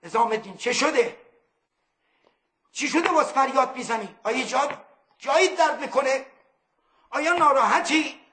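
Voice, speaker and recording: A man voicing an anxious wife who fires off hurried, worried questions. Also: very high-pitched, animated, bright, forceful tone, reverberant, exaggerated voice.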